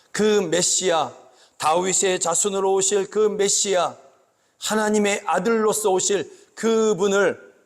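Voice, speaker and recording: A pastor giving a slow, emphatic sermon that rises into loud cries. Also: male voice, on the high side. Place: church sanctuary. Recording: long church reverb.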